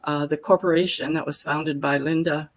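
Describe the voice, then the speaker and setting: Older woman, slightly low voice, long chatty answers, video call guest. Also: fairly even intonation, moderate pace, low-quality recording. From Alberta, Canada. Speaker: guest, workshop facilitator. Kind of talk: casual conversation on a live stream.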